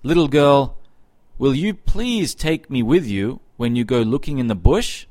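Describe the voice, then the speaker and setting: A man's voice: medium pitch, lively intonation, measured pace, darkish tone, lightly acted. A man voicing a lazy, greedy male spider from a folk tale, sly and wheedling.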